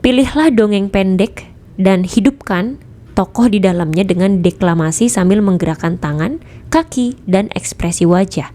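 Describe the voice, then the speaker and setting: A woman narrating a nonfiction audiobook in an even, measured reading voice. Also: mid-range voice. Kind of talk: scripted narration.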